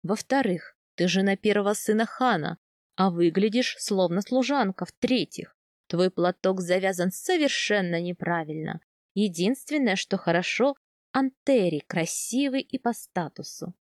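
A woman reading an audiobook, voicing a dignified widow of nearly eighty who speaks in a measured, formally polite and instructive way. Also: medium pitch, animated, no room sound, studio quality, pitched below the performer's own voice, lightly acted. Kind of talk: audiobook character voice.

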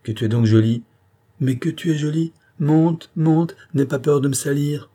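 A man's voice: on the high side, moderate pace, warm tone, pitched above the performer's own voice. A man voicing a playful young wife in an audiobook, with teasing commands.

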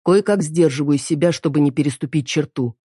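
Mellow-voiced woman narrating an audiobook. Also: sits low, fairly quick, breathy edge, no echo, studio quality.

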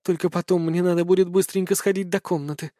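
A man's voice: sits high, fairly even intonation, fast talker, dark tone, no echo, clean studio sound, voice pushed up, natural voice. A man reading an audiobook, voicing a bold, pushy young woman who leads a fencing club, in a raised voice. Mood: flustered.

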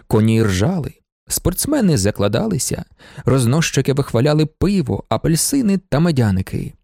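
A male audiobook narrator with a gravelly, dark voice that rises and falls lively through the sentences. He reads a classic novel expressively, recorded dry and close with no room sound. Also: fairly high pitch, no echo. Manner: animated, expressive reading. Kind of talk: scripted literary narration.

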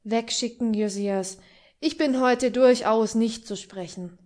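A woman voicing a weary, jaded young gentleman in an audiobook reading, in a bored, resigned tone. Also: on the high side, slow.

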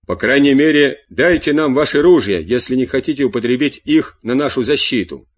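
A man's voice: medium pitch, animated, brisk, lightly acted. A man voicing a fiery farmer who urges soldiers to fight, in an audiobook reading. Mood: urging. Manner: urgent, exclaiming, pleading.

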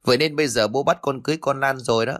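A man's voice: medium pitch, rapid-fire, a bit bright, natural voice. A man voicing an arrogant rich young man who scoffs dismissively. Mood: boastful.

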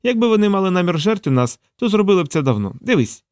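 A brash television star who pushes everyone around and won't wait, as a man acts him out. His voice rides well above the narrator's own, urgent and loud. Recorded dry, close to the mic. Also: high-pitched, very animated, quick pace, clean tone, no echo, pitched above the performer's own voice. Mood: impatient. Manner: loud and impatient. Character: brash, pushy male TV star.

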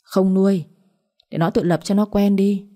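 A woman voicing a harsh, spiteful middle-aged mother who taunts and curses in a shrill voice. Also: fairly even intonation, moderate pace, dark tone, close to an everyday voice.

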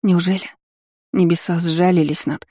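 A frightened young maid, devoted and tearful, voiced by a woman reading an audiobook. She pleads in a soft, mellow tone. The sound is dry and close. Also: on the low side, fairly even intonation, normal speed, breathy edge, dry recording. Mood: pleading, tearful. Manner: sobbing, pleading, anxious.

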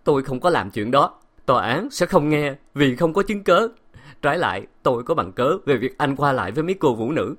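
A male reader performs a desperate young wife in a spoken storybook. Her voice rides high above his own and swings widely as she begs and pleads. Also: very animated, a little fast. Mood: defiant. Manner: tearful pleading, raised high voice.

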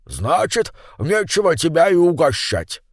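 A man's voice: fairly high pitch, wildly swooping pitch, unhurried, no room sound, studio quality, pitched above the performer's own voice, exaggerated voice. A man voicing a sly, teasing old uncle who drawls his remarks. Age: older.

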